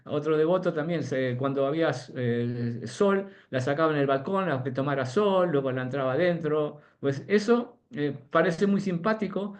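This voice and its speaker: Man giving a rambling, anecdotal devotional class. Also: a little high. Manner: conversational, many hesitations and anecdotes. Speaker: spiritual teacher.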